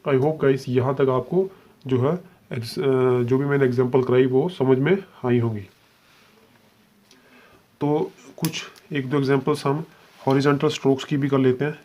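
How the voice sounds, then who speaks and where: Male tutor walking through a shorthand lesson slowly and patiently, mid-pitched voice. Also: fairly even intonation, warm tone. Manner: patient, repeats "ठीक है" and spells sounds out slowly. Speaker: shorthand teacher. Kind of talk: step-by-step video lesson.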